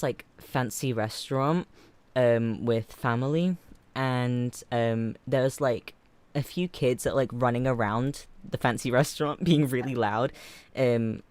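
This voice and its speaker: Young guy hosting a stream; rambling, filler-heavy chat, mid-pitched. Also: clean tone, no room sound. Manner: rambling, filler-heavy, frequent laughs, gets louder and faster. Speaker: livestream host. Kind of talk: casual livestream chat.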